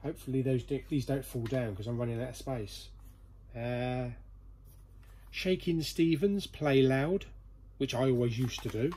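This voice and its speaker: Speaking at a measured pace in a mellow, medium-pitched voice, with slight background noise, a man vlogs casually and jokingly while sorting a collection amid stacks of boxes in an indoor storeroom.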